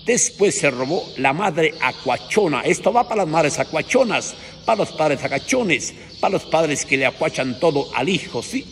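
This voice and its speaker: Brief: earthy Mexican preacher telling folksy stories, echoey hall, faint hiss behind. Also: male voice, fairly high pitch, sing-song, normal speed, hardly any pauses. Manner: colloquial, crude, rhetorical "¿sí?" tags.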